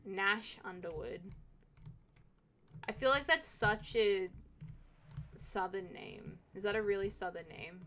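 Bright-voiced woman streamer, chatty and sweary. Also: medium pitch, animated, a little slow, a little hiss or hum. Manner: chatty, swears, jokey asides. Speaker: game streamer. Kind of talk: casual let's-play commentary.

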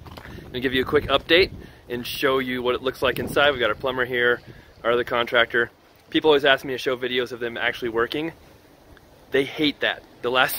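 A man's voice: mid-range voice, slight background noise. A man walking through a half-renovated house with a handheld phone, casually narrating what he sees. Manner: relaxed, offhand, thinking aloud with small restarts. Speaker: real estate investor giving a house tour. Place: empty house under renovation, indoors and out.

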